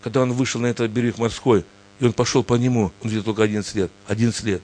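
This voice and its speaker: A man's voice: lowish voice, fairly even intonation, fast, a little mellow. A man preaching a sermon with emphatic, repetitive appeals to his listeners. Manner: emphatic, repeats "understand, look" constantly. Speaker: pastor.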